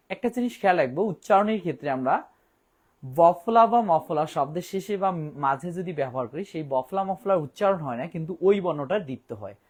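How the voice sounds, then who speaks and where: Man teaching Bangla grammar, spelling words out. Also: fairly high pitch. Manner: explains slowly, spells words out letter by letter. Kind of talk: online grammar class.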